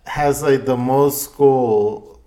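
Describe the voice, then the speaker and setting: Male co-host, mid-pitched, relaxed ribbing, trails off quietly. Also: drawn-out words. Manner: laid-back, ribbing, trailing off softly. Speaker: podcast co-host, football fan. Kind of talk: casual football banter.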